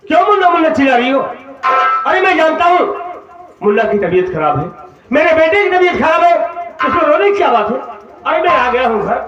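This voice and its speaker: An actor playing a young husband home from abroad, in loud, melodramatic folk stage declamation. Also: male voice, extremely high pitch, sing-song, fairly quick, lo-fi sound. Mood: tender. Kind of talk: live folk stage theatre. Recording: echoey stage recording with loud music.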